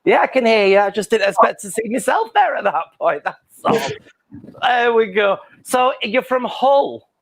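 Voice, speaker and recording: A man's voice: extremely high pitch, big pitch swings, moderate pace, a bit bright. A man hosting an interview in a playful, teasing, camp manner. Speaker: host. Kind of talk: casual interview chat.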